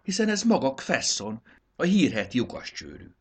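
A man doing an anxious young hero. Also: slightly rough. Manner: excited, voice jumping up high. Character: young male hero, anxious but daring. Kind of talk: storybook reading.

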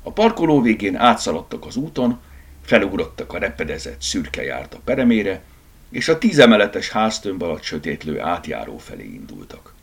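A man's voice: low voice, wildly swooping pitch, gravelly, breathy edge. A man narrating a children's animal story as an audiobook reader, telling it expressively. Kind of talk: scripted narration.

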